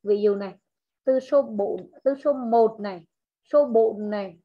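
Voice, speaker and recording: A woman teaching an online English class, with a husky voice that sits a little high. She says each word slowly, repeats it and corrects her students' pronunciation. The call audio is dull and lo-fi. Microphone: video call.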